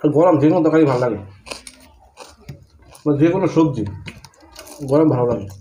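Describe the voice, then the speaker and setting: Male co-host, mouth full, rapid easy chatter with a mellow tone. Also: on the high side, expressive, roomy sound, a little hiss or hum. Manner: chatty, remarks on the food. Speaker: eating show co-host. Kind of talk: casual chat while eating.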